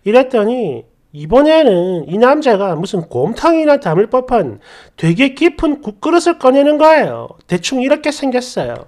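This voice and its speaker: A woman's voice: on the high side, big pitch swings, normal speed, few pauses, darkish tone. A woman narrating a reader's story in the first person, in a chatty, exasperated way, speaking straight to her viewers.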